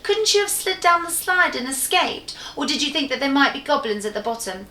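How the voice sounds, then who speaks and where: A woman's voice: high-pitched, sing-song, brisk, pushed and bright, pitched above the performer's own voice, heavily acted. A woman voicing a sensible young boy who speaks earnestly in a storybook reading, in an echoey room.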